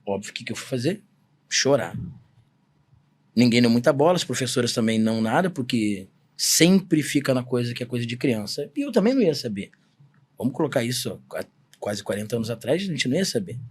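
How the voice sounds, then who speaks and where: Fast-talking husky Brazilian man. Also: mid-range voice. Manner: earnest storytelling, fast and emphatic. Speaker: guest, samba singer-songwriter. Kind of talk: reflective podcast interview.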